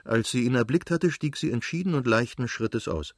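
A man narrating a classic novel as an audiobook in a measured, literary reading. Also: medium pitch, animated, dry recording, clean studio sound.

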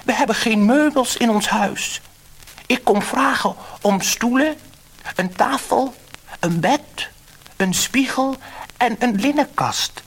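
A man reading a storybook, voicing a tiny little man who calls to the sea in a high, eager, slightly breathless voice. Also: slow pace, fairly bright tone, full character voice. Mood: eager calling.

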